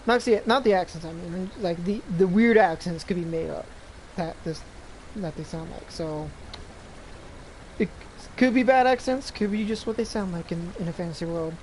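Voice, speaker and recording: A man's voice: high voice, moderate pace, a little mellow, slight background noise. Rambling man streaming a game. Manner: rambling, with many fillers and restarts. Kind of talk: casual game commentary.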